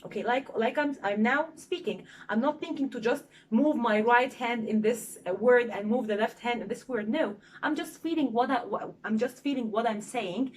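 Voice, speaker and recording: Young egyptian woman teaching english, kinda high voice, lively, says okay a lot, a bit of background hiss. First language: Egyptian Arabic. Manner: lively, demonstrative, frequent "okay?" and "uh" fillers. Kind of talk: casual English lesson on presentation skills.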